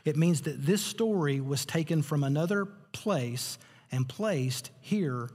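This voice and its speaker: A male pastor with a fairly high voice delivers a sermon, trading quick jokes and his own laughter for rising, emphatic preaching. His voice rings out with a long reverb, as in a large hall. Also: lively intonation, a little mellow, slightly rough.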